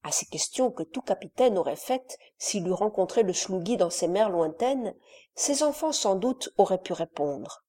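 A woman reading a classic adventure novel aloud in a measured, dramatic storytelling manner. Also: mid-range voice, lively intonation, mellow. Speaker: audiobook narrator.

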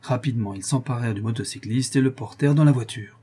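A male narrator with a husky, slightly breathy voice reads an adventure novel aloud. His tone is dark and mellow, kept steady through long sentences, and it rises a little at the tense moments. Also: mid-range voice, fast talker. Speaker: audiobook narrator. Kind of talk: scripted narration.

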